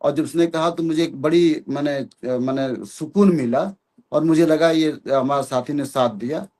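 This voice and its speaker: A middle-aged man, an interview guest, recounting a personal memory in earnest, halting speech full of fillers and restarts. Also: a little high, a little mellow. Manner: earnest, hesitant with many fillers. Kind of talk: personal storytelling in conversation.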